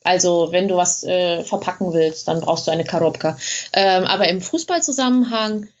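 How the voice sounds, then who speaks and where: A woman's voice: fairly low pitch, moderate pace, lo-fi sound. A woman blogger being interviewed, explaining things in a chatty way with frequent hesitations. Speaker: blogger in Russia, guest. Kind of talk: casual interview.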